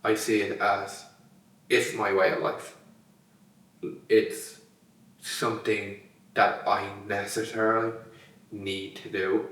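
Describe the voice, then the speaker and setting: A man speaking slowly and earnestly about filmmaking as a way of life. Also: fairly low pitch, flat delivery, fairly bright tone, roomy sound, recorded from a distance, a little hiss or hum, low-quality recording. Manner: slow and earnest.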